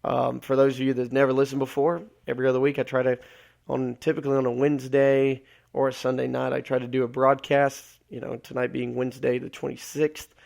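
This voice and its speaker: A man's voice: mid-range voice, completely flat delivery, brisk, vocal fry, a little mellow. A man from Alabama, hosting a solo live podcast, losing his voice and rambling with many filler words. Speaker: podcast host.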